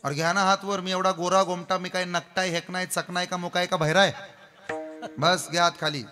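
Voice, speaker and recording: Male kirtan preacher joking with the crowd, highish voice, soft music behind. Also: level tone, brisk. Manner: playful, teasing the audience, call-and-response. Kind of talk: comic devotional sermon. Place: stage before a live audience. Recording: long hall reverb, faint music.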